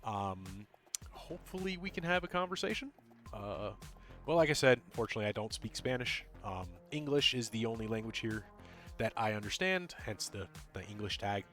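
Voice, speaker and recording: Lively mumbling male game streamer. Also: on the low side, soft background music. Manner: tends to mumble and talk fast; rambling, full of ums and uhs. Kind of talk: casual gameplay commentary, chatting with viewers.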